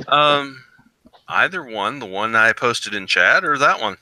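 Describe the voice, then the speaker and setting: A man's voice: medium pitch, lively intonation, a little slow, sharp tone, no room sound. A man casually running a tabletop game as game master.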